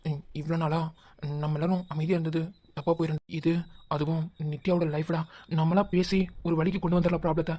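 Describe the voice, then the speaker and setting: A woman voicing an anxious young college woman in a cartoon, urgently hushing her friends in a Madurai Tamil accent. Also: low voice, flat delivery, fast talker. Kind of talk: cartoon voice acting.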